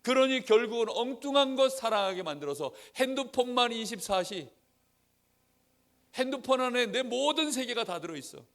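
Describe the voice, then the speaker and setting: A man preaching a sermon to young people in church, acting out quoted friends and swinging between loud emphatic lines and soft asides. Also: extremely high pitch, expressive, normal speed. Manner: acts out quoted friends in dialogue. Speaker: Sunday school preacher.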